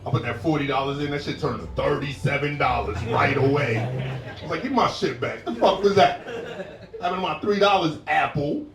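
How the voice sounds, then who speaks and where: With a gravelly, slightly high voice and a fairly quick delivery, a forties-aged comedian does stand-up at a club, easygoing as he tells stories but energetic and shouting for his character impressions. The recording sounds roomy and distant, with music playing in the background.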